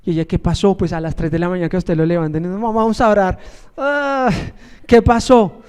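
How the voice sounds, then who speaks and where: A man's voice: high voice, fairly even intonation, normal speed, darkish tone, clear, resonant tone. A man, a pastor, preaching a sermon in a conversational storytelling way, joking and asking the congregation questions.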